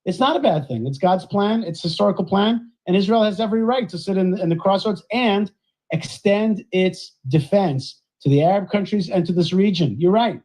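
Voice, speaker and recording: A high-pitched man speaks. He comments effusively, repeating his phrases and dropping in Yiddish words. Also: moderate pace, a little mellow. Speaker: rabbi commentator.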